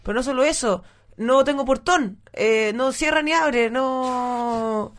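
A woman telling a quick anecdote in a casual chat. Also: high-pitched.

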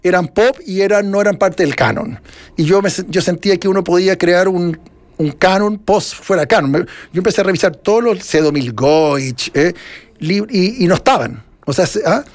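Speaking at a normal pace in a high-pitched voice, this middle-aged Chilean author fields questions in a casual interview. He's rambling and reflective, frequently restarting his sentences, with a Chilean Spanish accent.

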